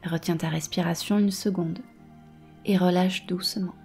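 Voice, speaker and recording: A woman guiding a meditation softly and slowly, close in your ear, with a breathy voice that often slips toward a whisper. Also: on the low side, fairly even intonation, faint music behind. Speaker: meditation and hypnosis guide. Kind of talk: guided meditation, soft and slow.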